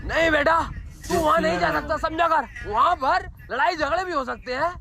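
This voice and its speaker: A man playing a hot-tempered, swearing village father in a comic spoof, gruff and loud. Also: extremely high pitch, moderate pace. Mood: coaxing. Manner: gruff threats and coaxing, loud calls. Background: music.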